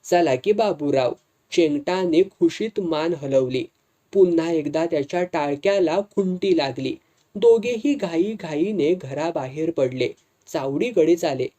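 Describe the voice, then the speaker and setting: A man tells a humorous village tale with lively, colloquial narration. His voice is dark and mellow. He delivers it as a storyteller. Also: a little high.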